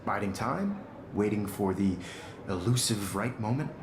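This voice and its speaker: An actor playing a smooth, charming adult male photography teacher in a video game. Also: on the low side, animated, unhurried, background noise. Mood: teasing. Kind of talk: game voice acting.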